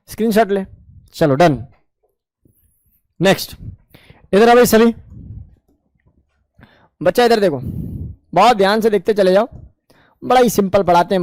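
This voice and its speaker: A man whose voice sits high and a little mellow teaches chemistry in a classroom lecture, switching between Hindi and English terms. Affectionately coaxing, he questions his students and answers for them, with no echo on the recording.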